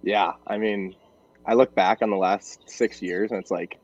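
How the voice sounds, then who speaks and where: A young man in his twenties chats as a podcast guest, easygoing and unhurried in his storytelling. His voice sits fairly low, and the remote audio comes through dry and a bit muffled. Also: no echo. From Michigan. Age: 20s. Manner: relaxed, laid-back storytelling. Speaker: podcast guest, college hockey player. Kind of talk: casual interview chat.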